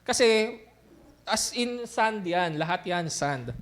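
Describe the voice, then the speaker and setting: A man's voice: high voice, expressive, slow pace, a bit bright. A man preaching a sermon as pastor in an easygoing, conversational way, often checking in with the congregation through little tag questions.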